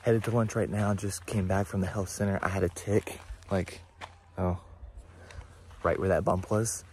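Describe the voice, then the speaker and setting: Young male vlogger, selfie-phone camp diary, lowish voice, loose and rambling. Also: normal speed, a little hiss or hum. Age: young adult. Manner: relaxed, rambling, many fillers. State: tired. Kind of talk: casual vlog talk to camera. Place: outdoors at a summer camp, and on a cabin floor. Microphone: phone held at arm's length.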